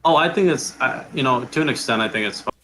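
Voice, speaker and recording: A man's voice: medium pitch, fast, sharp tone, slight background noise, poor audio. A man, a tabletop game player, chatting casually after a session and restarting his sentences a lot. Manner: hesitant, full of restarts and fillers.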